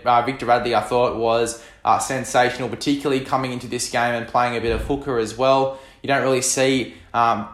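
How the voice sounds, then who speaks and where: A man of ordinary pitch hosts a casual sports podcast, rambling with plenty of ums and uhs. His voice comes over a mobile phone voice memo resting on a desk. The phone picks up a roomy echo around him. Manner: loose and chatty, lots of ums and uhs. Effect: recorded over a mobile phone voice memo. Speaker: podcast host. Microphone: mobile phone lying on a desk.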